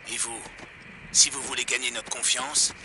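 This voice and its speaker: Un comédien doublant, pour un jeu vidéo, un homme amer qui prêche sa rancœur contre le gouvernement dans une émission de radio pirate, d'un ton méprisant et moqueur. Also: male voice, medium pitch, flat delivery, normal speed, background noise. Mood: scornful ranting. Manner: scornful, preaching, mocking. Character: bitter anti-government man ranting on pirate radio. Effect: pirate radio broadcast heard over a radio. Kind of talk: video game dub.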